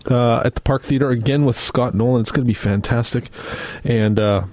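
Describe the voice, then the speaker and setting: A man's voice: medium pitch, brisk, a little mellow. A man hosting a folk radio show, talking casually with lots of fillers and restarts. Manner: rambling, many filler words and restarts. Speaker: radio host. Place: radio studio.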